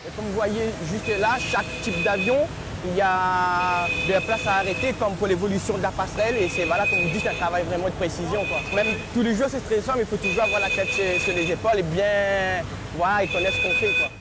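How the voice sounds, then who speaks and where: A man's voice: sits high, steady tone, fairly quick. A male ground agent explaining his work casually on location outdoors, with loose phrasing. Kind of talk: on-the-job explanation. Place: outdoors on airport tarmac. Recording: very loud airport tarmac noise.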